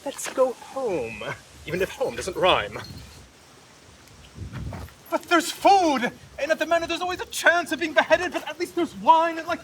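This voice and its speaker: An actor playing a witty, bossy male court fool who trades in quick, teasing, rhyming quips in an outdoor stage play. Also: very high voice, big pitch swings, a bit bright, exaggerated voice. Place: outdoors on a farm. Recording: outdoor stage recording with light noise.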